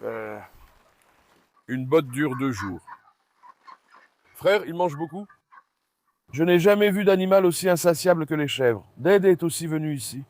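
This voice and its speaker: Chatty man with a higher, dry voice. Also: lively intonation, unhurried, long pauses, darkish tone, no echo. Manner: chatty, coaxing and fond when talking to animals. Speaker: farm vlogger. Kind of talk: casual vlog narration.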